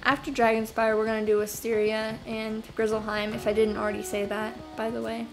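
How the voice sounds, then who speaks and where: A woman's voice: a little high, completely flat delivery, a little fast, poor audio. Chatty young woman over game music. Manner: chatty, rambling, self-talking with sighs and fillers. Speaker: gameplay video host. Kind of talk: casual gameplay commentary. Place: apartment. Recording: game music clearly behind voice.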